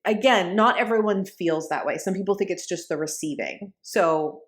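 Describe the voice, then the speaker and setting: A woman with a fairly low voice co-hosts a podcast in relaxed conversation. She talks in a chatty, looping way, dropping sarcastic asides and asking whether her point landed. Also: moderate pace. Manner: chatty, sarcastic asides, frequent "like" and "do you know what I'm saying". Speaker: podcast co-host. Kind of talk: casual conversational podcast chat.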